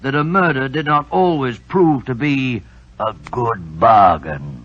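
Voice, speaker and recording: An actor playing a genial, chuckling old-fashioned English doctor and storyteller, blustery and chatty, in 1940s radio drama style. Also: male voice, mid-range voice, lively intonation, a little slow, heavy background noise, natural voice. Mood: genial storytelling. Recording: muffled 1940s radio recording.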